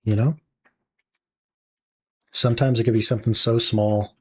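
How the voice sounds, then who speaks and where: During a relaxed gaming stream, a young man speaks at normal speed in a fairly low voice that has turned a bit raspy from talking, musing aloud to his chat. Keyboard typing is audible behind him.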